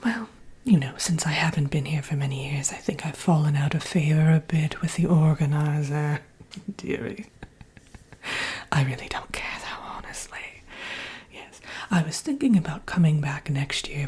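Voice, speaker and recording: A sassy, self-admiring witch acted out by a woman whispers in a very breathy, low voice. She takes her time over each phrase, coy and condescendingly friendly. It is soft-spoken ASMR roleplay. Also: full character voice. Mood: haughty, playful. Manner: unhurried, coy, self-admiring, calls listener dearie. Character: vain, sassy, green-skinned Wicked Witch, condescendingly friendly.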